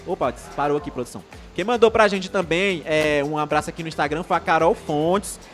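A young live stream host from Maranhão, Brazil, speaking Portuguese with a Maranhão accent, chats casually and upbeat while reading viewer comments. His fairly high voice is brisk, he rambles and restarts sentences often, and faint music plays behind him.

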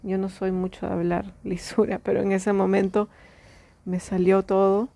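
A woman telling a personal story in a reflective, halting way, often restarting her sentences. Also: medium pitch, level tone, gravelly, mellow.

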